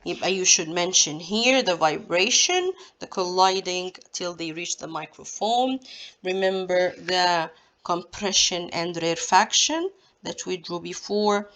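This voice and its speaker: Woman, science teacher, very slow, step-by-step, lowish voice. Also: a bit bright. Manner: slow, step-by-step explaining with rhetorical questions. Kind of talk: exam walkthrough lesson.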